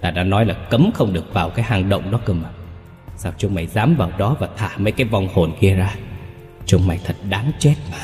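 A gloomy, eerie demon that has seized a grown son's body, gloating and menacing over its victims, as a male storyteller puts it on. The voice sits very low. Soft music plays underneath. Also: fairly quick, long reverb tail, natural voice. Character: bloodthirsty demon possessing a grown son.

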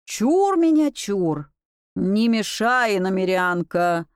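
A woman's voice: sing-song, slow pace, smooth, no room sound, clean studio sound. A woman voicing a frightened, superstitious young servant girl who shrieks and wails. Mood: fearful. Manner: shrill and wailing.

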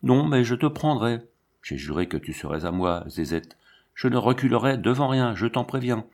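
A man's voice: mid-range voice, animated, moderate pace, a little mellow. A man reading the part of a menacing young man who mocks and threatens a girl. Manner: mocking, menacing.

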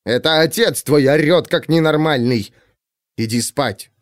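A man's voice: on the high side, measured pace, no echo, studio quality, close to an everyday voice. A man playing a scolding, anxious wife. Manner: worried, scolding. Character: anxious, demanding middle-aged wife.

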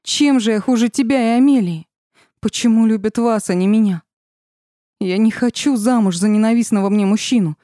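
A woman voicing a volatile young dark witch in an audiobook, with shrill laughing taunts that turn into sobbing wails. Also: moderate pace, no echo, clean studio sound, close to an everyday voice. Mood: anguished.

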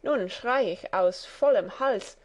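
A woman voicing a doomed, desperate male rooster in a warm fairy tale telling, with exclaiming delivery. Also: medium pitch, slow, lightly acted. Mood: desperate, defiant. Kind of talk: storybook character reading.

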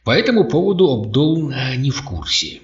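A man's voice: medium pitch, sing-song, moderate pace, pitched above the performer's own voice, natural voice. A man reading an audiobook voices a cunning, sardonic male dictator, sly and mocking in tone. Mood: scheming. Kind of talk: audiobook character voice. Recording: dull roomy audio, distant mic.

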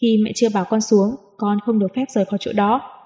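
A woman's voice: medium pitch, fairly even intonation, fast, mellow, lightly acted. A woman reading the part of a stern, strict mother in an audiobook, firm and serious, in a dull recording with a long reverb.

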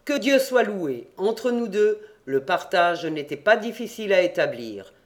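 A man reading an adventure novel aloud in first person, calm and measured. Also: high voice. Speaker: audiobook reader. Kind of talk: scripted narration of an adventure novel.

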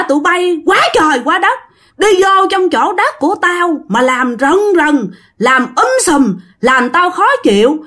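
A woman voicing a huge, dark male spirit who snarls and shouts threats. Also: extremely high pitch, voice pushed up.

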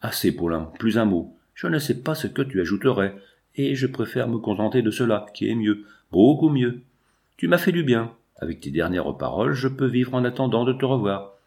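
A man's voice: medium pitch, lively intonation, normal speed, darkish tone, close to an everyday voice. Man reading as an earnest, pleading young girl. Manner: pleading, emotional. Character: grieving fifteen-year-old girl, earnest and compassionate. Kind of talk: audiobook reading.

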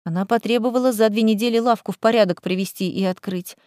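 A woman's voice: medium pitch, fast talker, a little mellow, no echo, studio quality, close to an everyday voice. A woman reading the part of a bewildered young woman, a novice witch, who asks exasperated, startled questions. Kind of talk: audiobook character voice.

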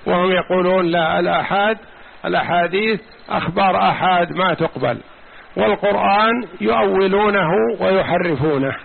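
A man with a somewhat high, gravelly voice teaches a religious lesson. He explains slowly and repeats key words to press them home. The recording is tinny and phone-like with a faint hiss. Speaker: sheikh teaching a creed class.

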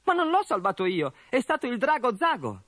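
A man's voice: very high-pitched, huge pitch swings, fairly quick, a bit bright, no room sound, clean studio sound, pitched above the performer's own voice, exaggerated voice. A man voicing a brave young male orc who speaks in an eager, urgent way, in a storybook reading over music. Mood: earnest.

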